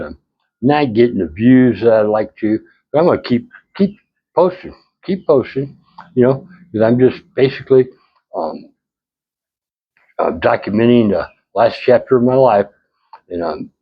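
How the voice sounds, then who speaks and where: A man's voice: mid-range voice, very animated, moderate pace, pauses often, slightly rough, lo-fi sound. An older retired man vlogging in a casual, rambling way, telling folksy stories with chuckles and repeated phrases.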